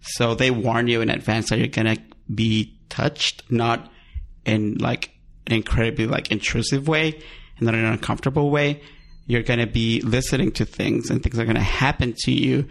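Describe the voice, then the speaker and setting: A man's voice: mid-range voice, steady tone, normal speed, gravelly. A man co-hosting a theatre podcast, chatting casually and joking with many fillers and asides. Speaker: podcast co-host. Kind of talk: casual chat.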